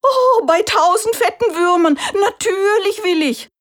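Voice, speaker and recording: A woman doing a shrill, frantic storybook rooster. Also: measured pace. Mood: overjoyed. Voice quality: shrill, crowing. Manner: overexcited, wailing, dramatic. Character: frantic excitable male rooster, loud and shrill. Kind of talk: storybook reading.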